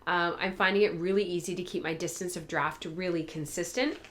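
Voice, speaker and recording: The host of a spinning and fibre craft show chats casually to her viewers, thinking aloud in a rambling, informal way. She's getting over a cold, so her voice, low and a bit bright with fairly even intonation, sounds a little tired. She talks a little fast.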